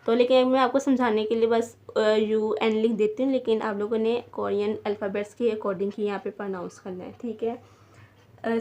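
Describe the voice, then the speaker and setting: A woman's voice: on the high side, a little mellow. A woman teaching a beginner language lesson, patiently repeating each word several times and checking in with her students.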